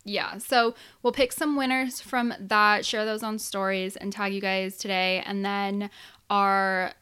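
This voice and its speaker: A woman's voice: mid-range voice, flat delivery, measured pace, pushed and bright, smooth. A woman hosting a casual podcast, chatty and enthusiastic, peppering her talk with filler "like". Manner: chatty, enthusiastic, heavy use of "like". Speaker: podcast host.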